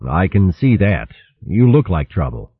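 A man's voice: deep voice, big pitch swings, unhurried, breathy edge, no echo, full character voice. A man voicing a cheery, sturdy male otter who drops his h's and uses sailor slang. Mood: friendly. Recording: thin phone-like dry sound.

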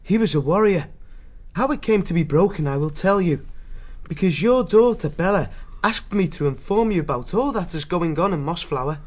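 A man's voice: high voice, expressive, moderate pace, a little mellow, highs cut off, voice pushed up. A man voicing an earnest young male warrior mouse.

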